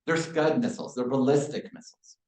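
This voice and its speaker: A man's voice: medium pitch, fairly even intonation, fairly quick, darkish tone. A man from Iraq giving a university lecture, posing rhetorical questions to his audience. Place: lecture hall. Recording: echoey lecture hall.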